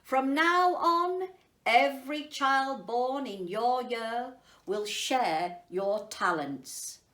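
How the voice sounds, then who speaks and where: A woman's voice: high voice, very slow, pushed and bright, heavily acted. A woman voicing a grand, jovial, kindly male emperor who makes proclamations in a children's storybook. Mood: grand, celebratory. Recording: roomy echo, distant mic.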